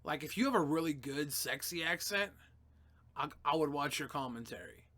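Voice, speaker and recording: With a fairly high pitch and lively intonation, a young livestream host answers chat questions at a moderate pace. His loose, profane delivery jumps between mumbles and loud outbursts.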